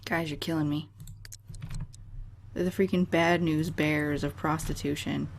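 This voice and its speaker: A woman's voice: low voice, fairly even intonation, unhurried, slight background noise. A woman hosting a let's play, giving casual gameplay commentary with sarcastic, chatty asides to the game.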